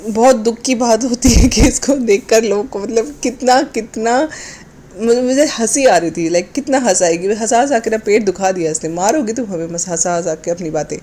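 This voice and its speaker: A woman delivers a sarcastic, mocking vlog commentary in a mellow, warm voice, dropping English phrases into her talk. Faint noise sits underneath. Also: fairly high pitch, normal speed. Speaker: commentary vlogger.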